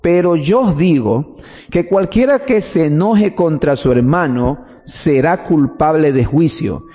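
A man's voice: a little high, lively intonation, measured pace, mellow, husky, in a large hall. A man preaching a teaching sermon, explaining step by step and answering his own questions.

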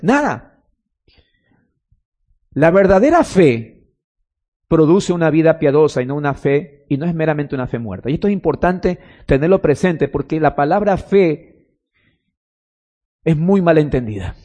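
A man's voice: a little high, expressive, moderate pace, long pauses, mellow. A man preaching a sermon as pastor, telling stories and rising into emphatic calls.

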